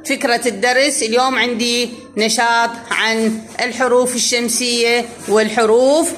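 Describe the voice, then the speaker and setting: A woman's voice: on the high side, fairly even intonation, normal speed, a bit bright. A woman with an Iraqi Arabic accent teaching young children a lesson, coaxing and affectionate. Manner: coaxing, affectionate, calls pupils dear. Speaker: primary school teacher. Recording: echoey room with background noise.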